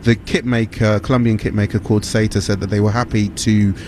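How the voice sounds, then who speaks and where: A man's voice: lowish voice, level tone, fairly quick, noisy background. A man reporting from a football event, interviewing fans and chatting casually with some fillers. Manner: conversational, hesitant with fillers. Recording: music behind. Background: music.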